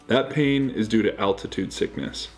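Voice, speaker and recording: A man's voice: lowish voice, moderate pace, a little mellow. A man casually narrating his travel vlog as he goes. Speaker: travel vlogger.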